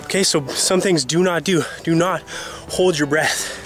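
A man's voice: fairly high pitch, a little slow, a bit bright, faint music behind. A man who is out of breath, coaching soccer players on breathing outdoors and sighing between phrases. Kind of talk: instructional vlog.

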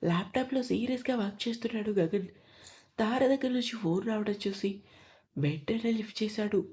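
A woman narrating an audio drama story in a steady storytelling voice. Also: mid-range voice, brisk.

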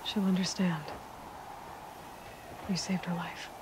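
An actress playing a steady, frank young outsider heroine in a video game, plain-spoken and measured. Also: female voice, fairly low pitch, background noise. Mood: gentle. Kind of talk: dramatic video game acting. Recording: music behind. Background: game score music.

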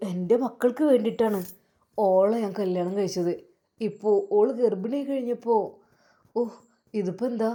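A woman voicing a kind, patient father, speaking softly in a storytelling piece. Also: mid-range voice, moderate pace, long pauses, lightly acted. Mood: sorrowful. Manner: soft, soothing, sorrowful. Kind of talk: storytelling with acted voices.

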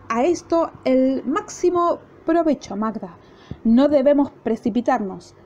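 A woman's voice: a little high, dark tone. A woman with an Argentine accent voicing a grumpy, complaining husband in a told fairy tale. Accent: Argentine Spanish. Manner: gruff and whiny. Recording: dull lo-fi recording, faint noise.

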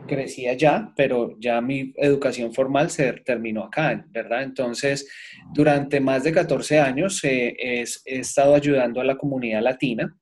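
A man's voice: mid-range voice, steady tone, normal speed. A man with a Colombian accent, an accountant presenting an earnest seminar talk on a video call. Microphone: webcam on a video call.

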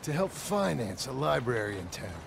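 An actor playing a gruff outlaw in a video game, talking with dry, sarcastic menace. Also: male voice, mid-range voice, sing-song, normal speed, noisy background. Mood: wry menace. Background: game music.

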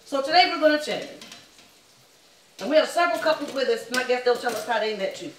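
Chatty higher-voiced woman cooking. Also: expressive, fast talker, background noise. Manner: chatty, explains recipes to viewers. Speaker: cooking vlog host. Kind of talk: casual cooking chat.

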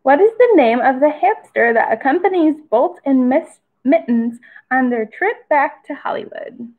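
A woman's voice: high voice, expressive, moderate pace, narrow, tinny audio. A young woman chatting casually as a trivia co-host. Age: young adult. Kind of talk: casual chat. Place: small indoor room by a window.

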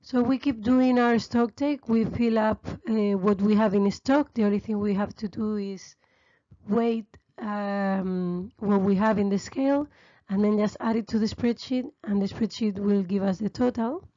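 A woman's voice: medium pitch, steady tone, unhurried, mellow, no echo, highs cut off. A woman teaching restaurant stock-taking over a screen recording, explaining steadily with frequent fillers. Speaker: restaurant finance tutor. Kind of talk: screen-recorded spreadsheet tutorial.

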